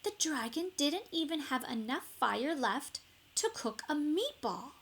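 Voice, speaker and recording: A woman narrating a children's story expressively, with deliberate dramatic emphasis. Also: sits high, very animated, a bit bright. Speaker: storybook reader.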